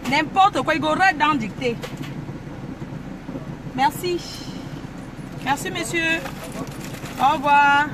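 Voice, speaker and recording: Sitting in her car in a drive-through line, a woman vlogs casually, mixing pidgin English into her boisterous French chatter. Her voice sits high, and she talks slowly, leaving long pauses. The recording is noisy with the sound of the car and its engine.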